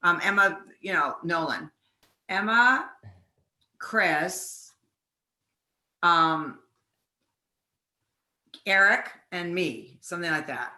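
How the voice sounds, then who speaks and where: A woman guest chatting casually in an interview, telling lively anecdotes and laughing as she talks. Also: on the low side, drawn-out words, long pauses. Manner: lively anecdotal storyteller, laughs while talking. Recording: roomy echo.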